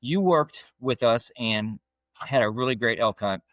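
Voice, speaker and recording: A man's voice: mid-range voice, animated, a little slow, a bit bright, no room sound. A man hosting a hunting podcast, asking friendly, upbeat questions of his guest. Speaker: podcast host. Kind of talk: podcast interview.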